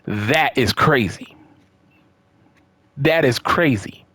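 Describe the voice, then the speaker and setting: Extremely slow yet expressive, a man with a medium-pitched, slightly bright voice talks to viewers as a gaming YouTuber in unscripted vlog commentary. He leans on repetition for stress and frequently checks in with the listener; there's no echo.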